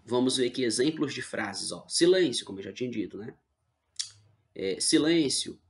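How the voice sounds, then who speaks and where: A man's voice: mid-range voice, quick pace. A male teacher with a Brazilian Portuguese accent, explaining grammar patiently in an online class and checking in often with the students.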